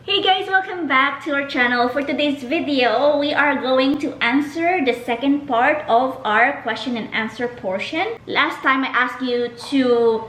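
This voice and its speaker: Woman vlogger, high voice. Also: a little slow, few pauses, a bit bright, reverberant, faint music behind, poor audio. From Philippines. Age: 30s. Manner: chatty, reads out viewer questions. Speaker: vlogger host. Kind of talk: casual Q&A chat.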